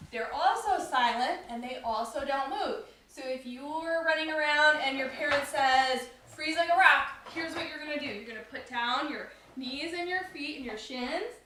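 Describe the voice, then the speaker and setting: Woman yoga instructor for kids, bright high voice, recorded from a distance in an echoing room. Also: a little hiss or hum. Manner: upbeat, instructive, talks to children. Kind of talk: guided kids yoga class.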